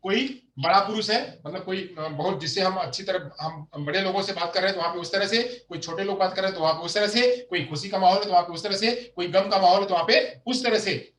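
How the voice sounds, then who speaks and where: A man teaching a lesson. He repeats his phrases slowly and asks questions that he answers himself. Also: sits high, a bit bright, echoey room, recorded from a distance. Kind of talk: exam-prep lecture.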